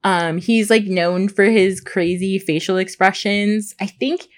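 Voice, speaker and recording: A woman podcast host giving a casual, rambling, chatty recap in informal speech, with soft R's that come out close to W. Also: mid-range voice, fairly even intonation, unhurried. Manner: rambling, gushing informal talk with frequent "like" and "super".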